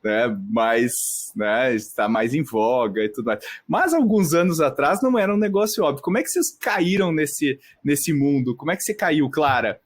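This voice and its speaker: A man's voice: a little high, expressive, moderate pace, few pauses. A man hosting a casual interview, asking questions with hesitant repeats. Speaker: host.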